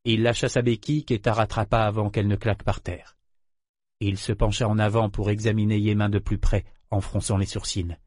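A man narrating a novel in a measured, steady storytelling manner. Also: fairly low pitch, no room sound, clean studio sound. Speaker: audiobook narrator. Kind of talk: scripted narration.

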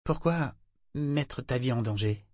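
A man voicing a guarded young woman who speaks quietly in an audiobook. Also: mid-range voice, unhurried, no echo, clean studio sound, lightly acted.

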